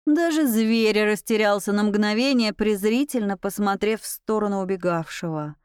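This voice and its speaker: A woman reading a first-person story aloud with expressive storytelling. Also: mid-range voice, normal speed, clear, resonant tone, no echo, clean studio sound. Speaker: audiobook narrator. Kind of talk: scripted first-person narration.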